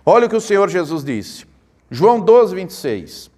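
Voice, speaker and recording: A man preaching a sermon as pastor, building emphasis with rhetorical questions and reading scripture slowly and deliberately. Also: high-pitched, big pitch swings, warm tone.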